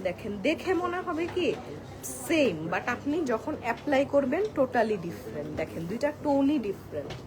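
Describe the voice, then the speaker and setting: A woman's voice: high voice, sing-song, normal speed, crowd noise. A woman hosting a live-stream sale in a crowded store, showing products and talking to viewers. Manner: chatty, addresses viewers as apu; switches between soft and loud talk. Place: crowded store outlet indoors. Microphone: clip-on mic. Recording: crowded shop, busy background. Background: shoppers chattering.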